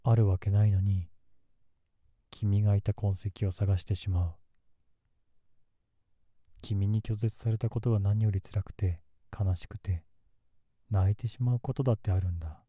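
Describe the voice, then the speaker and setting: ASMR role-play casting: male actor as tender lovelorn young man, lowish and very dark-toned, soft, intimate, dry close recording. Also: moderate pace, no echo, close to an everyday voice. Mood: sorrowful. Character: gentle, melancholy young man secretly in love. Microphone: close ASMR microphone in a dry space.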